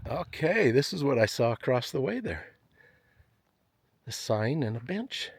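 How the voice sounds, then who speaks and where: A man with a husky, medium-pitched voice narrates his desert canyon hike outdoors, very animated yet unhurried, with no echo. Talking to himself, he jokes in a chatty, self-deprecating way and lets out the occasional sigh from the climb.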